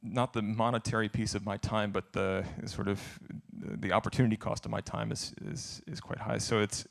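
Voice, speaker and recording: A man speaks at a conference Q&A in a low, somewhat deep voice with a gravelly edge. He answers candidly and thinks aloud as he goes. He has the plain manner of a speaker working through his answers. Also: little pitch movement, moderate pace. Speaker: speaker answering audience questions. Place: conference event.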